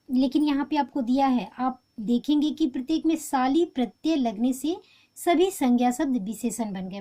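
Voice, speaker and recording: Mellow-voiced woman teaching a grammar lesson. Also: on the high side. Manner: explains step by step, repeating each answer; mixes in English words while explaining. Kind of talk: Hindi grammar lesson for schoolchildren.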